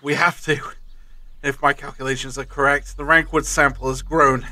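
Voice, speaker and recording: An actor playing an urgent, quick-witted time-travelling alien hero in an audio drama, theatrical, earnest and commanding. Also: male voice, mid-range voice, little pitch movement, sharp tone.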